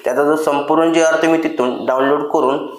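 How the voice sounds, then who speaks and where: A man's voice: fairly high pitch, brisk. Man reading a government order, echoey. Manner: formal, steady reading voice, addresses listeners as friends often. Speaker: YouTube channel host. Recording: roomy echo.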